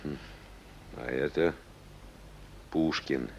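A man's voice: very deep voice, fairly even intonation, very slow, a little mellow, a little hiss or hum, exaggerated voice. An actor in his forties playing a tired, commanding frontline army captain in a radio drama. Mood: drowsy. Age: 40s. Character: weary, stern frontline army captain, forty.

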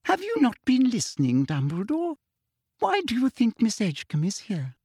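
Sugary, menacing middle-aged official voiced by a reader, lilting high and low, slightly husky, dry close sound. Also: wildly swooping pitch, moderate pace, dark tone, dry recording, full character voice. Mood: scornful. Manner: coaxing with falsely sweet "dear". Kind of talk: audiobook character reading.

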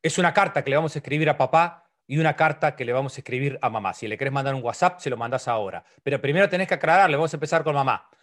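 A middle-aged man with a Uruguayan Spanish accent, a psychologist giving an online motivational talk with humor, playful, jumping from loud, high complaining voices down to soft, near-whispered lines. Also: rapid-fire, hardly any pauses.

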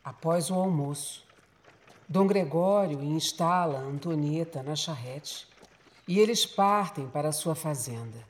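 This is scripted narration for a horror radio drama, spoken in a mid-range voice. The storytelling is dramatic yet measured and deliberate.

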